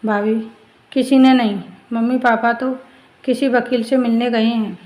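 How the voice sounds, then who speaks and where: A tearful schoolboy begging for help, pleading and choked up, in a family storybook tale, as a woman narrator puts him on, on a fairly high pitch. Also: level tone, unhurried, darkish tone, close to an everyday voice, low-quality recording.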